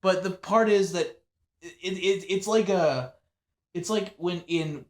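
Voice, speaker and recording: A man co-hosting a podcast in casual chat, talking in halting bursts with many restarts and blunt swearing. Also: high-pitched. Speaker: podcast co-host. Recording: roomy echo.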